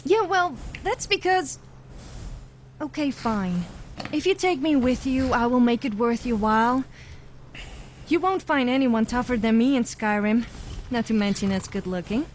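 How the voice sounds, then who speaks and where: Woman playing Sophia, a cocky higher-voiced adventurer. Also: a little slow, slight background noise, lightly acted. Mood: boastful. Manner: cocky, sarcastic, teasing. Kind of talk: comedic voice acting for a video game follower.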